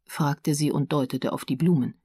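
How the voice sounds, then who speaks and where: A woman reading a crime novel aloud in a calm, measured narration. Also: low voice, slightly rough, no echo, clean studio sound. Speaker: audiobook narrator.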